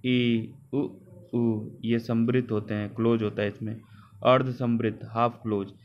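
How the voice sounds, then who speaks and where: A man's voice: medium pitch, a little mellow, lo-fi sound. A man teaching a grammar lecture, repeating key terms, asking rhetorical questions and correcting himself. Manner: self-correcting with "sorry".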